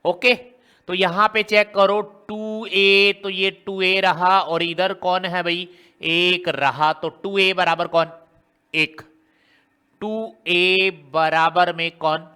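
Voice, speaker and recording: A man's voice: high voice, steady tone, slow, sharp tone, clear, resonant tone. A man teaching a maths lesson, working through a problem step by step and asking his students question after question. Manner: explains step by step, often quizzing students with rhetorical questions.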